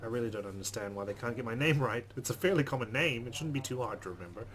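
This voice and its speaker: A man's voice: mid-range voice, expressive, fast, fairly bright tone. A man reading a visual novel aloud as a let's play host, slipping in his own asides.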